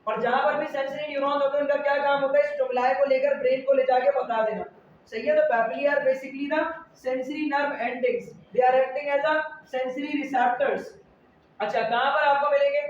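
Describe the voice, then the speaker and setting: Guy teaching bio class, keeps quizzing students, fairly high voice, far off in a really echoey room. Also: fairly even intonation, normal speed, a little hiss or hum. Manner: quizzes students with repeated questions. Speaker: biology teacher. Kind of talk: classroom lecture. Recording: echoey lo-fi room recording from afar.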